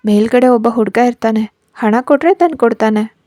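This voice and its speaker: A scheming young woman, as a woman storyteller puts her on, sweet and coaxing in a fairly high, mellow voice. The sound is close and dry, like a storybook told at the mic. She always sounds pleased with herself. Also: moderate pace, no echo, natural voice. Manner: coaxing, self-satisfied.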